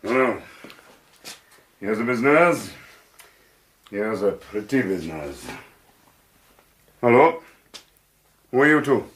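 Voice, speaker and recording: An actor playing a self-important, patronizing police inspector in a radio drama, British, blustering in clipped phrases. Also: male voice, lowish voice, expressive, takes it slowly, pauses often, fairly bright tone, slight background noise. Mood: brisk, bossy.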